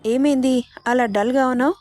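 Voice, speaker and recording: A woman's voice: high voice, fairly even intonation, moderate pace, a little mellow, no echo, studio quality, lightly acted. A woman reading the lines of an aunt-in-law who fusses over a bride and chatters worriedly to herself. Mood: fussing.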